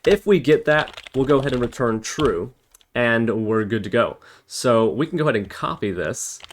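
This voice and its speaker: Keyboard clatter, clicks and general noise accompany this casual coding walkthrough. The man has a mid-range voice, lively intonation and a moderate pace, reasoning aloud step by step and correcting himself as he types.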